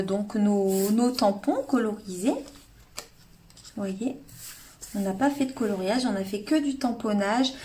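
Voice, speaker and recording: A woman's voice: medium pitch, darkish tone, slight background noise. A French woman leading a live paper-craft tutorial, chatting to viewers by name, with many fillers and restarts. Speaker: craft demonstrator. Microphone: livestream webcam or phone.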